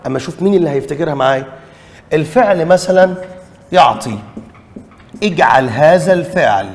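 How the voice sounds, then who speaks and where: A man's voice: fairly high pitch, darkish tone, echoey room, long reverb tail. A man with an Egyptian Arabic accent teaching an exam revision lesson, emphatic, repeating key rules and quizzing his students.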